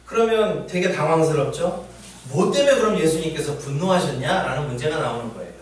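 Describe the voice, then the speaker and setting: A man's voice: a little high, expressive, fairly quick. A man preaching a sermon as pastor, speaking conversationally and asking the congregation rhetorical questions. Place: church sanctuary. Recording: very echoey church hall from far off.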